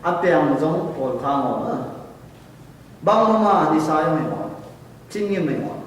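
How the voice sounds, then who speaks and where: A man preaching a sermon as a pastor in a church, speaking slowly and deliberately. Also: a little high, lively intonation, a little hiss or hum. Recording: echoey church hall, distant mic.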